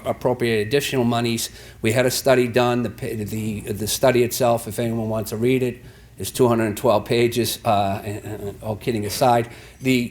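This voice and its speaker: A man from the Boston area giving a formal town address, speaking in a halting way with many restarts and fillers. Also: medium pitch. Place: town meeting hall.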